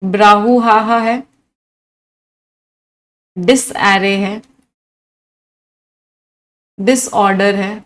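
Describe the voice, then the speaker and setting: A woman teaches English vocabulary in a live online class, switching between Hindi and English. She rattles off synonyms in long chains and keeps asking her students to answer. She has a mid-pitched voice. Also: extremely slow, pauses often. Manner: lively teacher who lists many synonyms and quizzes her students.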